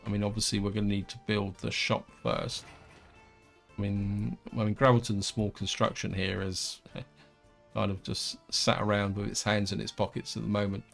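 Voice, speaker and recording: A man hosting a gameplay video, thinking aloud in a relaxed, rambling way with plenty of hedges. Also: lowish voice, moderate pace, gravelly, faint music behind. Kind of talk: casual let's-play commentary.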